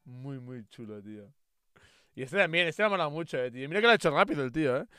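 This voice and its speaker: Young guy from spain w a spanish accent, livestream banter, kinda high voice, smooth and super dry close mic, swears a lot. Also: fast talker, no room sound, soft background music. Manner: excitable, swears freely, jokey insults. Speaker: streamer. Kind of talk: casual livestream chat reacting to fan art.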